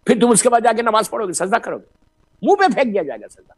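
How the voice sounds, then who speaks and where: A man giving an impassioned sermon as a cleric, slipping in English phrases and breaking into shouts. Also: sits high, big pitch swings.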